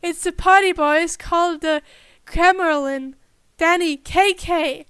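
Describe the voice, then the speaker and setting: Woman reading calm probing teen girl, high voice, slow. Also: dry recording, full character voice. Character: sarcastic teenage girl, calm therapist act.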